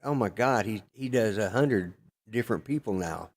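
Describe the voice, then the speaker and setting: An older man co-hosting a podcast, chatting casually in a gruff, rambling way with lots of fillers and restarts. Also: fairly low pitch, animated, normal speed. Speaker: podcast co-host. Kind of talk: casual chat.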